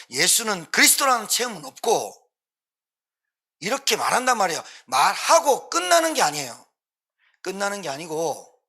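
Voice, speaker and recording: A man's voice: sits high, bright, forceful tone, breathy edge. A male pastor preaching a sermon emphatically, repeating his points for stress and acting out pleading quotes.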